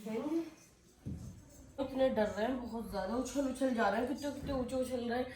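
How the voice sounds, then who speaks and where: A woman's voice: fairly high pitch, normal speed, over music. A woman with a cold chatting casually in a home vlog, talking to her children and viewers. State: has a cold. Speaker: vlogger and mother. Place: home indoors.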